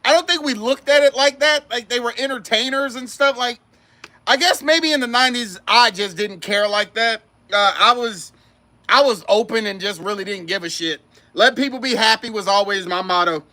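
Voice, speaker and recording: A man's voice: very high-pitched, moderate pace, bright, forceful tone. A man hosting a casual livestream chat, a comedian who jokes around and swears freely as he tells stories. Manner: loose, joking, swears freely.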